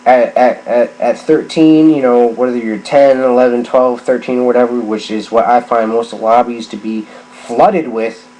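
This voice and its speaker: A drunk middle-aged man on a rambling, casual gaming rant, halting and repeating himself as he circles back on phrases. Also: mid-range voice, fairly even intonation, warm tone. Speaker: gaming vlogger. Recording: clearly noisy background ambience.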